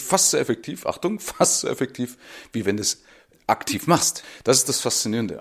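A man hosting a podcast, talking casually and directly to the listener, often adding little tag questions. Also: medium pitch. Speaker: podcast host. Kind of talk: casual spoken monologue addressed to the listener.

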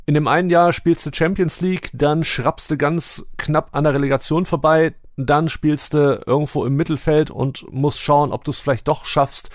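A man's voice: a little high, fairly even intonation, normal speed, few pauses, no echo, studio quality. A man hosting a podcast in a conversational presenting style. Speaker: podcast host.

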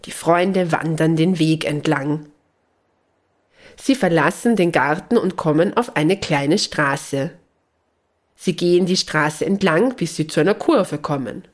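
A woman reading a children's story aloud as host, with a gentle, clear, animated delivery. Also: sits low, unhurried.

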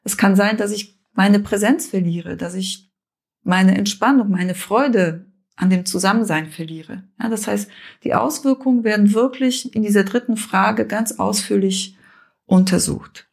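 A woman coach with a gravelly, slightly husky voice walks through her method in calm, measured steps. She speaks in short phrases with frequent pauses, explaining rather than performing. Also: medium pitch. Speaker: coach and mediator.

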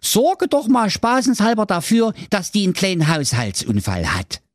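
A man's voice: sits high, wildly swooping pitch, normal speed, dry recording, studio quality, pitched above the performer's own voice. A man voicing a boastful, bossy young ex-conductor in a comic fairy tale read aloud. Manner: brash and demanding.

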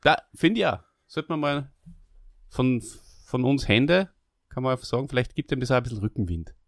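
A man's voice: medium pitch, lively intonation, moderate pace, no echo, clean studio sound. A man with an Austrian German accent hosting a podcast, chatting in an easygoing, rambling way with lots of fillers. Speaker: podcast host. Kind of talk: casual chat.

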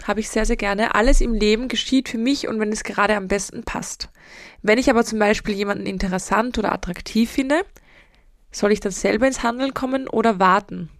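A woman with a mid-range voice hosts a solo podcast as a mental coach, answering listener questions in a direct, emphatic, motivational style. The studio recording is clean, with no echo.

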